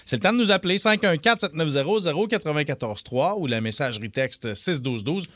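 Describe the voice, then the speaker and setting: A man's voice: on the high side, lively intonation, brisk, fairly bright tone, no room sound. A man hosting a radio morning show, upbeat and teasing.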